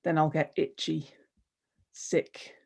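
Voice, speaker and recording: A woman poet reading her poems aloud in a measured, wry delivery, with hesitant, rambling asides between them. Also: deep voice, level tone, creaky, warm tone, husky. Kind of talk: poetry reading with spoken asides.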